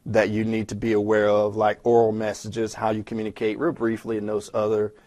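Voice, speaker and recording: A man talking fast and conversationally as he records a lecture walking through a textbook chapter, with frequent restarts. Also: fairly low pitch, completely flat delivery, a little mellow. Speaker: instructor. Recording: self-recorded lecture audio.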